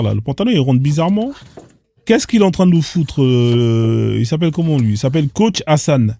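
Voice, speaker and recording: Animated man riffing on odd clips. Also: mid-range voice, vocal fry. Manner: incredulous, firing rhetorical questions in street slang. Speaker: host reacting to social media clips. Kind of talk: casual reaction commentary.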